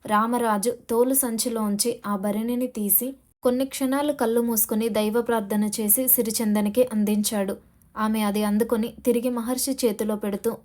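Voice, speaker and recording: A woman narrating a novel in a steady, dramatic storytelling manner. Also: fairly high pitch. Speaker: audiobook narrator.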